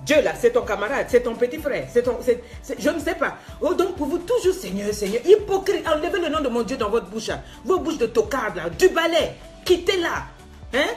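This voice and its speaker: A woman's voice: sits high, sing-song, brisk, soft background music. A woman life coach giving a motivational talk, scolding and mocking her listener with laughs, slipping in English phrases.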